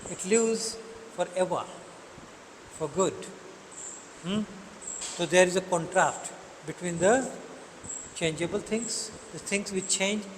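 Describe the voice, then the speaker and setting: Slow, deliberate teacher. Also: male voice, sits high, in a large hall, slight background noise, rough recording. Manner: mixes Hindi and English, checks understanding often; slow, deliberate, spells words out. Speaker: English literature teacher. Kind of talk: classroom poetry lecture.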